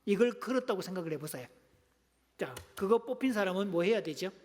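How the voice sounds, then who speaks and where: A man's voice: high voice, lively intonation, fairly quick, darkish tone. A middle-aged male pastor giving a humorous, engaging sermon, often calling on the congregation. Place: church sanctuary. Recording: long reverb of a church hall.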